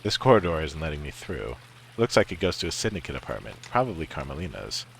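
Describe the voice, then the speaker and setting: A man's voice: a bass voice, big pitch swings, fast talker, creaky, fairly bright tone, a little hiss or hum. A man playing a video game, giving casual commentary and reading bits aloud as he goes. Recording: music behind the voice.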